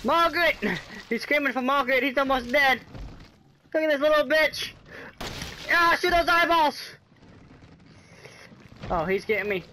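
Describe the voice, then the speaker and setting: A young man giving let's-play commentary on a horror game, excitable and cursing, yelling at enemies. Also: very high voice, unhurried, pauses often, slight background noise. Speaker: gameplay commentator.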